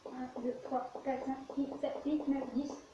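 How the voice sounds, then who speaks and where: A woman's voice: high voice, little pitch movement, unhurried, warm tone. A woman giving casual let's play commentary as host of a gaming video, narrating what they do in short fragments. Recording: very echoey, distant, muffled, faint noise.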